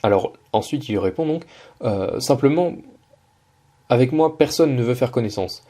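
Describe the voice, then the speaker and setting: Man explaining Russian, dark husky voice. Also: medium pitch, animated, normal speed. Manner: patient, many hesitations and self-corrections. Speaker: Russian language teacher. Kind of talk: explaining a video lesson.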